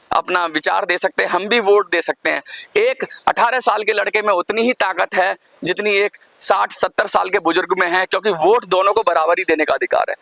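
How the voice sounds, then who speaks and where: A man's voice: high voice, vocal fry, pushed and bright, dry recording. A man campaigning for pensioners, giving a rambling, preachy video talk straight to his viewers and breaking off his own sentences with fillers.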